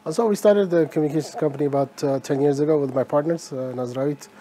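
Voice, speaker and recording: A man's voice: fairly high pitch, quick pace, dark tone, a little hiss or hum. A man from Ethiopia, an entrepreneur guest, answering interview questions in a matter-of-fact way with frequent fillers.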